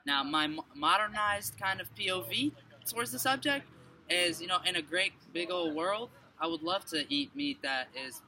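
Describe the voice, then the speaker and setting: A man's voice: on the high side, bright, forceful tone. A man from Morocco in a casual street conversation, rambling with many fillers and restarts. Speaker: passerby sharing his view. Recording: distant mic with background noise.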